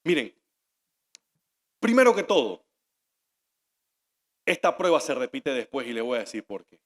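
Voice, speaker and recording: A male pastor preaching a sermon, swinging from hushed asides to loud outbursts. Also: mid-range voice, unhurried. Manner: animated, shifting between shouts and hushed asides. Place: church hall. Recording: long reverb of a large hall.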